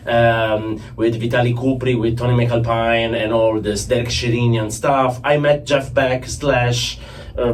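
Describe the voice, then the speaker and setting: A middle-aged Italian man with an Italian accent talks through his work in English, in a loose, rambling way with many restarts. His voice sits at a middle pitch and is picked up from a little way off the mic. A faint hiss of room noise sits underneath. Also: far from the mic. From Italy. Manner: rambling, self-correcting, laughs easily. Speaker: sound engineer and producer guest. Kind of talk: casual conversational interview. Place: rehearsal studio.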